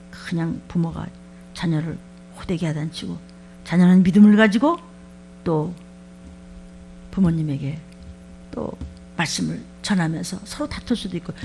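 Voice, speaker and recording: Gravelly-voiced woman pastor preaching. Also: mid-range voice, a little hiss or hum. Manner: lively, conversational preaching with rhetorical questions. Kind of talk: sermon.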